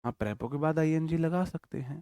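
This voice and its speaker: A man's voice: on the high side, a little fast, dark tone, clear, resonant tone, no echo, clean studio sound. A man giving an online English grammar lesson, dictating example sentences word by word and checking in often with the class. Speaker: English teacher.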